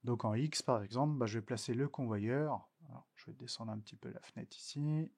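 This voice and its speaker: Hesitant French man teaching software. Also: mid-range voice, fairly quick, gravelly, husky. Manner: hesitant, many filler sounds. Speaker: technical instructor. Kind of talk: screen-recorded software tutorial.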